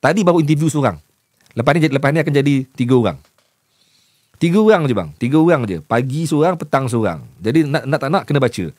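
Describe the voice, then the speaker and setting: A man's voice: medium pitch, animated, fast talker, a little mellow, dry recording, studio quality. A man with a Malaysian Malay accent who stutters and repeats words, a news journalist chatting candidly to camera and mixing in English. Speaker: news journalist and voice-over producer. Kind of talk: casual talk to camera.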